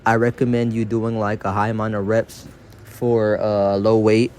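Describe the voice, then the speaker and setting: Mellow man talking through dental braces. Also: lowish voice, level tone, normal speed, a little hiss or hum. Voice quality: speech slightly impeded by dental braces. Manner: informal, slangy, instructive. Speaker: fitness instructor. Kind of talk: casual exercise tutorial voice-over.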